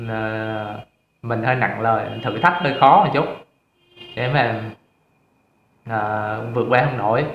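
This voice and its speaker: Guy telling a story, laid back with lots of uhs, echoey muffled sound. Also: medium pitch. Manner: relaxed, hesitant, many fillers. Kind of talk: casual spoken storytelling.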